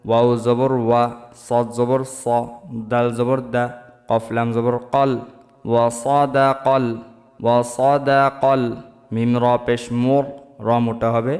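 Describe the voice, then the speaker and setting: A man teaching Quran reading, spelling out letters and vowel marks slowly and then chanting the words drawn out. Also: mid-range voice, flat delivery, darkish tone, long reverb tail. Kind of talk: slow spelled-out Quran recitation lesson.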